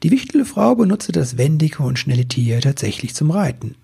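A man reading a children's Christmas story aloud with calm, expressive narration. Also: on the high side, moderate pace, gravelly, husky.

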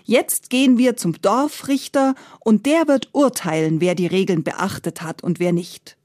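A woman voicing a poor male woodcutter who speaks breathlessly and excitedly, then angrily demands fairness. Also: mid-range voice, a little slow, no room sound, clean studio sound, lightly acted. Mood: angry.

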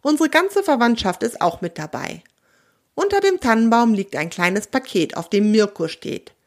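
A woman reading a children's story aloud in first-person narration, lively and expressive, with voiced bits of dialogue. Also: fairly high pitch, normal speed.

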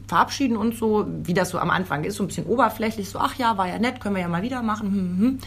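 Husky-voiced woman in her 30s chatting, tells stories w/ lots of acted-out quotes. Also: mid-range voice, racing. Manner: lively storytelling, acts out quoted voices. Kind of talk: casual chat, anecdotes.

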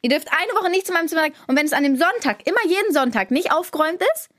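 A woman's voice: high voice, expressive, rapid-fire, a bit bright. A teenage girl co-hosting a family podcast, arguing indignantly and talking over her mother. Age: teens. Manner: argumentative, indignant, talks over others. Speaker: podcast co-host, daughter. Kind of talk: casual family podcast banter.

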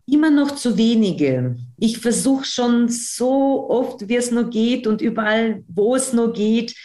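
Her voice is a little high and dark in tone, with lively intonation and a somewhat slow pace. A woman from outside Germany, she speaks accented German as a second language in an interview, describing personal experiences as a newspaper editor and trainer of trainees and repeating words for emphasis.

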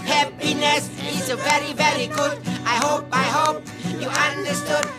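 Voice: high voice, level tone, a little slow. A performer playing a cheerful foreign male pop singer who talks in broken English in a comedy sketch. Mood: exuberant. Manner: bouncy, loud, broken English. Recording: sketch with loud music and crowd.

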